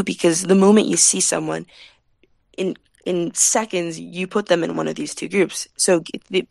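Peru-born young woman on a podcast, heavy vocal fry, dry close sound, restarts her words a lot. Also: fairly low pitch, dry recording. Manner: thoughtful, repeats words while searching for them. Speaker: podcast guest. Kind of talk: casual interview talk.

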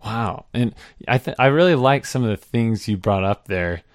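A man's voice: medium pitch, moderate pace, no room sound, clean studio sound. A young man hosting a podcast, asking questions in a hesitant way and laughing easily. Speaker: podcast host. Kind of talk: casual interview talk.

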